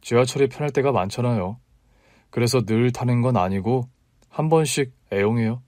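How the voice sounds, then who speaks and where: A man's voice: medium pitch, moderate pace, dry recording, lightly acted. Brief: man as an unruffled young guy, level delivery, dry close sound. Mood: calm. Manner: calm, matter-of-fact replies. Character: calm, persistent young man. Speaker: story reader.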